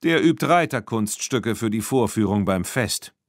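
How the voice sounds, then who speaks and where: A man's voice: lowish voice, expressive, unhurried, dry recording, studio quality. Man doing Claire, a scornful young girl.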